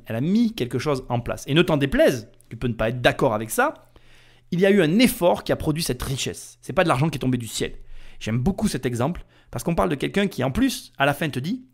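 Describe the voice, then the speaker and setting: A man hosting a podcast, heated and indignant, talking straight to the listener. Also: mid-range voice. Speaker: podcast host. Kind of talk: ranting podcast commentary.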